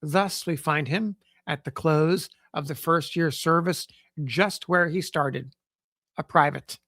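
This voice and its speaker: A man hosting a podcast, reading an old newspaper sketch aloud in a measured, formal way with the odd stumble. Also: fairly high pitch, fairly bright tone, dry recording, clean studio sound. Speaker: podcast host.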